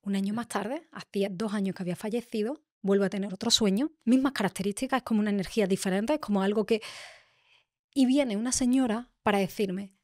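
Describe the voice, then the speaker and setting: A middle-aged woman tells a personal story on a podcast. Her delivery is emotional, heartfelt and halting, with pauses and restarts. Her voice sits at a middle pitch and sounds dry and close. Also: no room sound. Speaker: podcast host.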